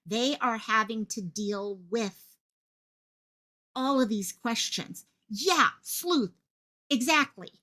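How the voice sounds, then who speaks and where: Projecting like a stage actor, this channel host gives passionate livestream commentary and repeats phrases to drive points home. Her voice sits on the high side with a sharp tone, and she speaks slowly, pausing often.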